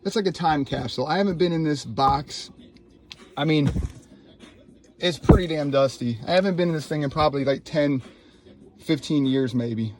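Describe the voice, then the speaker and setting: Rambling, excited man sorting old CDs. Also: a little high, a little hiss or hum. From Ohio, USA. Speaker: YouTuber. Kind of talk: casual unboxing vlog. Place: home laundry room. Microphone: handheld phone, no tripod.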